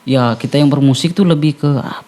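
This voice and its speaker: A man, a rapper guest in a casual podcast chat, talking haltingly and restarting as he searches for words. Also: fairly high pitch, steady tone, darkish tone.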